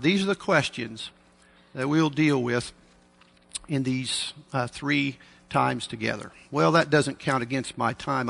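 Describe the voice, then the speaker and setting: Preacher, male, at a pulpit microphone; gravelly, higher voice, long hall reverb. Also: fairly bright tone. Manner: measured, earnest, with dry asides. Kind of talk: sermon.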